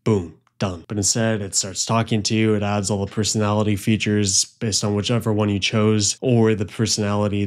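A man giving a casual, blunt explainer vlog about AI tools, chatty and mildly sarcastic. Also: on the low side. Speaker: tech YouTuber.

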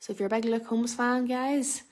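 A woman hosting a live prize draw in a chatty bingo-caller style, calling out numbers slowly and repeating them. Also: a little high, fairly even intonation, darkish tone.

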